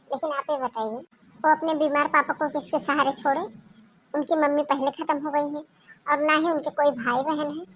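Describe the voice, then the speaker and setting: A woman's voice: high-pitched, a bit bright, a little hiss or hum. A woman voicing a caring young daughter in a cartoon who speaks up for her sister-in-law in an earnest, persuasive way. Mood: arguing. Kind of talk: Hindi cartoon voice acting.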